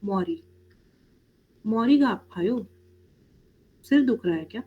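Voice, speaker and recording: A woman's voice: on the high side, animated, slightly rough, muffled recording. A woman teaching a Korean language class online, patiently explaining each word and calling students beta. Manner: patient, addresses students as beta, spells out words slowly.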